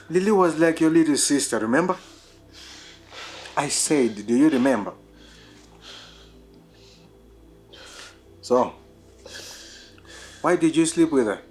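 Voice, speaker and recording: A man's voice: medium pitch, expressive, unhurried, long pauses, soft background music, natural voice. A man with a Zimbabwean accent acting an anguished, self-accusing man going through divorce in a television drama. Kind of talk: television drama acting, switching between Shona and English.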